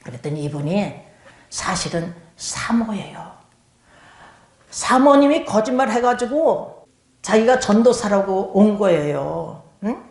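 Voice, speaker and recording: A woman's voice: mid-range voice, animated, slow, a little mellow. An older woman pastor giving a testimony sermon, telling her story with animation and acting out prayers and pleas in other voices. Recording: echoey room.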